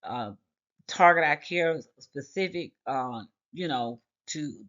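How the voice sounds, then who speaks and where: A man giving a nursing lecture as an instructor, halting and fumbling for words, repeating himself and restarting as he recaps. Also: fairly high pitch, lively intonation, fairly bright tone, muffled recording. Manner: repetitive, recapping with "again" and "like I said". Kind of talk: lecture, explaining course material.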